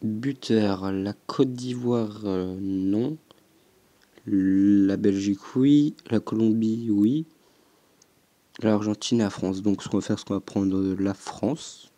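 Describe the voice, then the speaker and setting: A young man giving casual, hesitant commentary as he plays a football game, thinking aloud with frequent pauses and fillers. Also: on the low side, warm tone. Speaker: gaming YouTuber.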